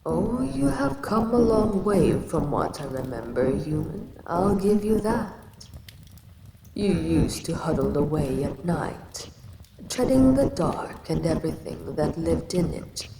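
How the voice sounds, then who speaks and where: In an audio roleplay, a woman voices an ancient, giant female kaiju queen, speaking condescendingly to a tiny human she calls a pest. Her deep voice is slow, very animated and exaggerated, brooding in mood, with echoey reverb and ambient noise around it.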